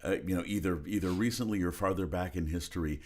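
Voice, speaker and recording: A man's voice: deep voice, fast talker. A man hosting an interview, asking friendly, rambling questions. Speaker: host.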